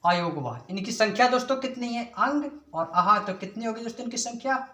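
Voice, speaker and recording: A man's voice: very high-pitched, lively intonation, quick pace, pushed and bright, echoey room. A male teacher giving an exam-prep lesson, asking the class a question and then answering it himself, calling his viewers friends again and again.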